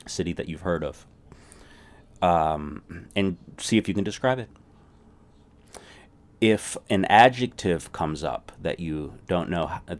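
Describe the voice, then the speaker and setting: A very low-voiced man teaches a recorded language lesson. He goes through the material patiently and keeps asking "right?" along the way.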